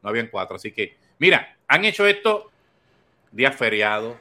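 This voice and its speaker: A Puerto Rican man hosting a podcast, telling stories in animated casual political chat and laughing often. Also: medium pitch, moderate pace. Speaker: podcast host.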